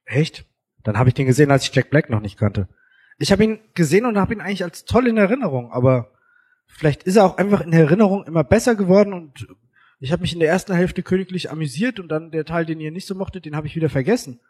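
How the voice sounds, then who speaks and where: A man co-hosting a casual podcast with a husky, cold-roughened voice. He talks in a lively way and climbs in pitch when he gets going. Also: quick pace. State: hoarse from a cold. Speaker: podcast co-host. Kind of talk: casual chat.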